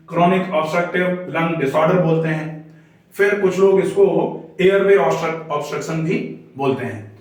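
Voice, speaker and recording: A man's voice: high-pitched, distant mic. Man teaching in a very echoey room. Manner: patient, explains step by step, checks in with "ठीक है". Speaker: doctor teaching a health lesson. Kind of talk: explanatory lecture drawing on a board. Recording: echoey room, voice from away from the mic.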